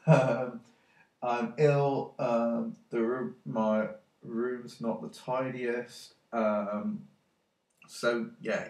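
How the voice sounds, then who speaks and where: In his own echoey room, a tech vlogger with a mid-range voice talks well away from the microphone. He has a cold that makes him sound congested, and his casual monologue wanders, hesitant and packed with ums and restarts.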